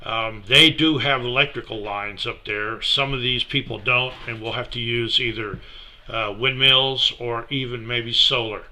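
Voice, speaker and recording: A middle-aged man giving a relaxed, unhurried slideshow talk about a mission project, with many fillers. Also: medium pitch. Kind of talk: casual slideshow presentation.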